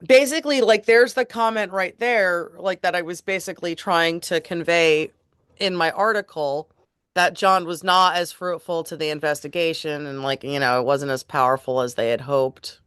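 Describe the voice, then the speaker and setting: A woman reading court transcript passages aloud in a steady, deliberate way and adding her own remarks. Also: on the low side, clear, resonant tone, no echo, clean studio sound. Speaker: tribute band host reading court transcripts.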